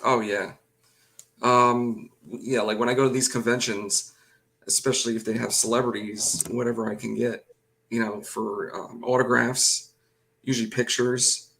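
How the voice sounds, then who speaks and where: Gravelly, easygoing man in casual chat. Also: medium pitch, flat delivery, a little slow, fairly bright tone. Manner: easygoing, agreeable, hedging his opinions.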